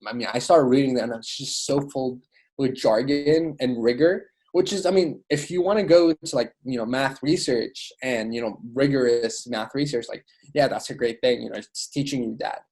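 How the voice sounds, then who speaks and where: Speaking at normal speed, this young man has a medium-pitched, slightly mellow voice. He was born in Iraq and is a student author and educator; as a podcast guest in a casual interview, he sounds informal and enthusiastic, repeatedly using "like" and "you know."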